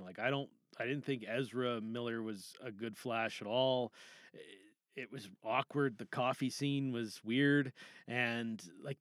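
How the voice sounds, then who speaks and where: Casual and meandering, a podcast host shares film opinions and feedback for fellow podcasters, often stopping partway or rephrasing what he's saying. His mid-range voice is a bit bright, recorded cleanly in a studio with no room sound.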